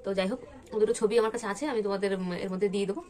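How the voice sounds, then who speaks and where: A woman's voice: medium pitch, fairly even intonation, very fast, a little mellow, a little hiss or hum. A young woman from West Bengal chatting casually at home in a vlog, rambling with many fillers and restarts. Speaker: vlogger.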